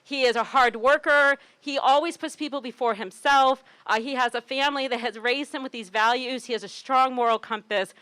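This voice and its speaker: A woman introduces the next speaker at an outdoor rally, full of warm praise. Her voice is high, bright and clear, and the sound is dry and close. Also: steady tone, a little fast, hardly any pauses, no echo. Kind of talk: introductory speech.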